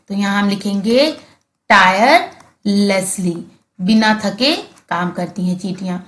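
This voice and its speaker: An Indian woman teacher, a Hindi speaker, explaining English textbook words slowly and patiently, repeating each key word. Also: medium pitch, a bit bright.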